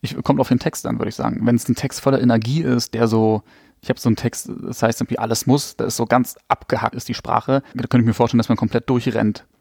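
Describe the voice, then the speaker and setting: A man's voice: mid-range voice, flat delivery, gravelly, darkish tone, slightly rough, no room sound, clean studio sound. A man, a poet, talking about his work in a podcast interview, thoughtful and loose with fillers. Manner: fast, thoughtful, lots of fillers. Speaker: poet guest. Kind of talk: casual interview.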